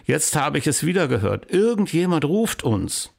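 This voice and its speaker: A man's voice: moderate pace, vocal fry, heavily acted. A man reading a storybook aloud and voicing a headstrong little girl in a raised, pleading voice. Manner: high, pleading, excited.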